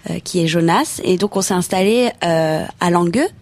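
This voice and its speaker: A woman's voice: fairly low pitch, moderate pace, darkish tone. A woman from Haute-Savoie, a member of a circus company, speaking in a friendly, matter-of-fact way in a casual radio interview. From Haute-Savoie, France.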